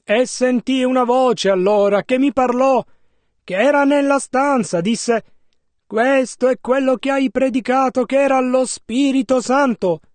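Slow, careful male sermon interpreter. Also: very high-pitched, no echo. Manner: measured, careful phrase-by-phrase rendering.

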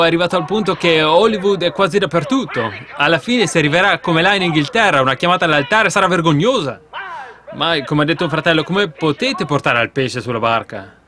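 A man's voice: fairly high pitch, pushed and bright. A man preaching a sermon to a congregation, speaking fervently and swelling into emphatic outbursts.

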